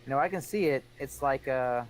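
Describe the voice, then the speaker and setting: A man's voice: mid-range voice, moderate pace, rough recording. Flustered male player, casual chat with music under. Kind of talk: casual tabletop play.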